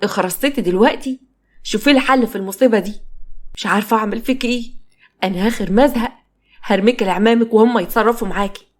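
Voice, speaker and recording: A woman's voice: a little high, rapid-fire, darkish tone, lightly acted. A woman with an Egyptian accent voicing a middle-aged mother who pleads with relatives and scolds her daughter. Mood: harsh, scolding.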